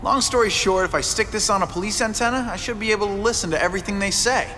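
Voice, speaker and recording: A man's voice: sits high, fast, pushed and bright, in a large hall, slight background noise. A young man acting a wisecracking, earnest masked superhero in a video game cutscene. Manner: wisecracking, eager.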